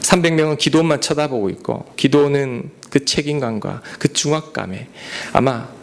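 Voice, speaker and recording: A male pastor delivering a sermon earnestly, swinging from loud rises to soft whispered asides. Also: mid-range voice, normal speed, vocal fry.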